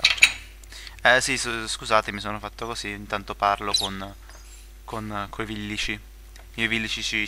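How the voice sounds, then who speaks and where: A man's voice: fairly low pitch, bright, forceful tone, slight background noise. A young man giving casual gameplay commentary, rambling with many fillers, restarts and joking asides. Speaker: gaming video creator.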